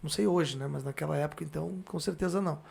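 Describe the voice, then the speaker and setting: A man with a southern Brazilian accent from Porto Alegre, chatting as a podcast guest, often pausing to rephrase himself. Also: on the high side, vocal fry, a little mellow, slightly rough. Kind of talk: casual chat.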